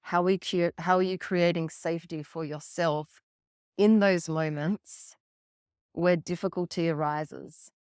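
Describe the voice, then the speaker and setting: A woman delivers a coaching talk on emotional self-care in an unhurried, deliberate way. Her voice sits a little low and she keeps an earnest tone, with the odd casual swear. The sound is dry and close, with no room around it. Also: fairly even intonation, darkish tone, smooth, dry recording. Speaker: relationship coach.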